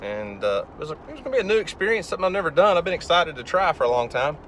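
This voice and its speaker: Holding the camera at arm's length on a windy beach, this thirtysomething fishing vlogger keeps things upbeat and chatty in a casual outdoor style. His fairly high, fairly bright voice is sing-song and racing.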